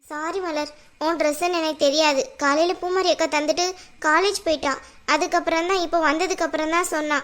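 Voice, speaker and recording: A timid young cartoon woman, voiced by a woman, apologizing in a slow, meek way. Her voice is high and gentle. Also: fairly even intonation. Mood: apologetic. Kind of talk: cartoon voice acting.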